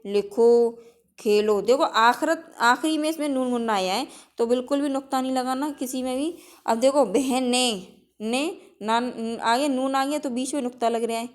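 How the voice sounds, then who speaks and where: A woman teaching an exam-prep lesson, stating each rule, repeating it and asking it back as a question before listing example words. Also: a little high. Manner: drills with example words in a list.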